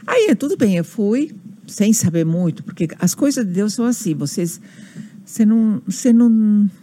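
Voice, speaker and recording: An older Argentinian woman, a guest in a casual interview, speaks Portuguese with an Argentinian Spanish accent. Her voice is medium-pitched and mellow, with big swings in pitch and a normal pace. She tells stories, acts out quotes, and restarts often, over a slight hiss or hum.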